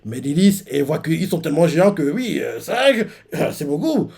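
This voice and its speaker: A man's voice: on the high side, very animated, moderate pace, creaky, a little mellow, breathy edge. A man casually recapping a manga chapter live, with many fillers and restarts. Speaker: streamer reacting to a manga chapter.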